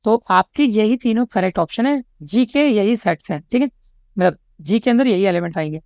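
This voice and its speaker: A woman's voice: medium pitch, expressive, vocal fry, a little mellow, no echo. Indian woman tutoring exam questions. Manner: says "theek hai" and "chalo" after nearly every step; reads English question lines slowly and deliberately. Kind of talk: explaining exam questions step by step.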